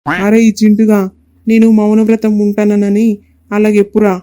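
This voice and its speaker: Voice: mid-range voice, monotone, normal speed, close to an everyday voice. A performer voicing a grumpy father in a cartoon, grumbling and scolding in a Telangana accent. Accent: Telangana Telugu. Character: grumpy father keeping mock silence. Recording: noisy recording.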